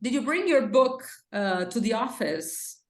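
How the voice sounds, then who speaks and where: A woman's voice: fairly high pitch, expressive, slow pace. Patient Brazilian woman teaching English. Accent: Brazilian Portuguese. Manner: patient, mixes English and Portuguese, drills pronunciation. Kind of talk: one-on-one language lesson. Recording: roomy echo.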